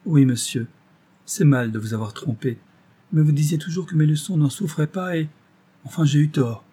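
A man doing a gentle young blind woman. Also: on the high side, moderate pace, husky, voice pushed up. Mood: apologetic. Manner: soft, apologetic.

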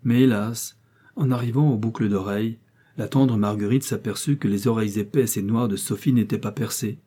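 A man reading a classic novel aloud in measured audiobook narration. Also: on the low side, fairly even intonation, warm tone, husky. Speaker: audiobook reader.

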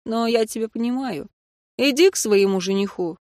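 A woman's voice: on the high side, normal speed, a little mellow, no room sound, natural voice. Fields: Figure: bossy young woman healer, an older sister in a spoken storybook, read by a woman. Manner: firm, scolding. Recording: dry. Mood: stern, firm.

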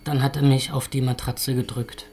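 An actor playing a shaken young man who speaks haltingly and quietly in a radio play. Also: mid-range voice, little pitch movement, heavy background noise, lightly acted.

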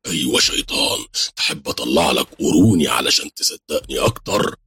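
A man with an Egyptian accent voicing a sly, cruel male devil who speaks slowly and gloatingly. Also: a bass voice, animated, pushed and bright, slight background noise, heavily acted. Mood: menacing. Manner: slow, menacing, gloating.

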